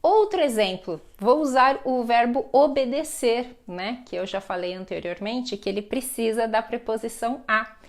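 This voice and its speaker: A woman gives an online grammar lesson. Her voice sits a little high, and she explains patiently, pausing to check in with her viewers. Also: lively intonation. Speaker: Portuguese teacher.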